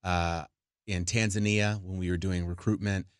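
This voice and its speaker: A man on a podcast, calmly recounting years of work and travel abroad. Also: deep voice, moderate pace, smooth, dry recording, clean studio sound. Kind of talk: casual podcast discussion.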